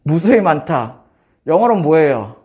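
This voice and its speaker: Lively high-voiced man tutoring math. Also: dull audio. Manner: quizzing a student with quick questions, joking. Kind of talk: casual math lesson.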